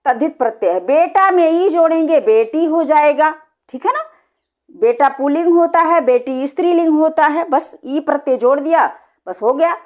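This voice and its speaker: A woman's voice: sits high, normal speed, darkish tone. A woman teacher explaining grammar step by step, asking questions and answering them herself. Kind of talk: classroom grammar lesson.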